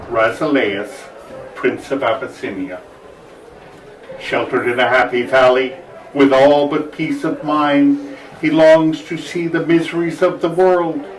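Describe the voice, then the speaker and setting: A man giving a live literary recitation at an open mic in a solemn, deliberate, oratorical manner. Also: mid-range voice. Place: bar open-mic night, distant microphone. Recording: echoey room, distant, faint noise.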